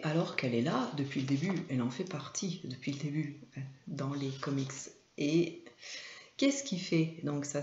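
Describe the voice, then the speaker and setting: A woman hosting her own video, explaining at an unhurried pace and pausing often on filler sounds. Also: on the low side, a little mellow, echoey room, lo-fi sound. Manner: hesitant, many filler sounds. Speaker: video host and image consultant. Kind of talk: informal talk to camera.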